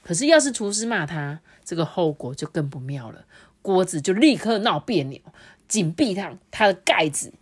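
A woman reading a picture book aloud to her child, lively and playful, stopping to ask questions. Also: fairly low pitch, moderate pace, slightly rough.

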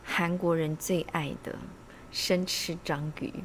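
A woman's voice: lowish voice, steady tone, measured pace, a little hiss or hum. A woman hosting a casual podcast chat, asking curious questions and adding playful asides. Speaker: podcast host.

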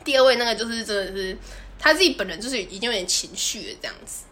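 A woman co-hosting a podcast tells a story in a casual chat, her voice a little high, animated, quick-paced and fairly bright. She laughs often and acts out the people in the story.

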